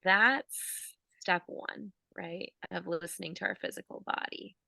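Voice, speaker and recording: A woman guiding listeners through a calm body-awareness visualization, speaking softly with casual fillers. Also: on the low side, measured pace, gravelly, no room sound. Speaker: physical therapist guiding an exercise. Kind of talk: guided visualization.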